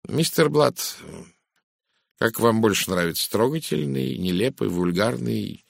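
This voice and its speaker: Man doing a soft-spoken detective, slow, measured, dry close sound. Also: on the low side, vocal fry, dry recording, exaggerated voice. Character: calm soft-spoken foreign male detective.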